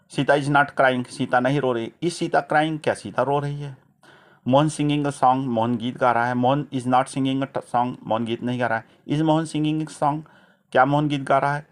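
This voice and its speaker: Indian man teaching English grammar. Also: medium pitch. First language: Hindi. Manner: dictates English examples slowly, then quick translations; frequent self-corrections and restarts. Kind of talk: spoken grammar lesson.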